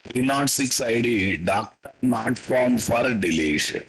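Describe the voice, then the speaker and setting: A man with a Telugu-influenced Indian accent and a husky voice, teaching a live coding lesson as an instructor, repeating his statements and quizzing listeners with tag questions. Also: medium pitch, expressive, takes it slowly, a little hiss or hum. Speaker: programming instructor.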